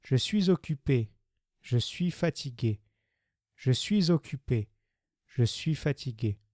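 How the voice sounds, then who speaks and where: A man leading a language drill, saying each short phrase twice with slow, careful pronunciation. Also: medium pitch, expressive, a little mellow, dry recording, studio quality. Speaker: language teacher.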